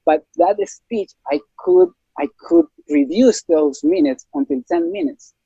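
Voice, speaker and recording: A man's voice: very high voice, huge pitch swings, a little slow, gravelly, dark tone, slightly rough, no room sound, dull audio. A man from Ecuador with a Spanish accent, speaking casually as an interview guest with many fillers and restarts.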